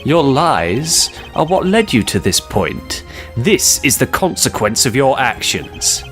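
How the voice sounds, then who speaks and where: A man voicing a confident young male defense lawyer with a deliberate, emphatic courtroom delivery. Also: medium pitch, big pitch swings, a bit bright, soft background music. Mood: assertive.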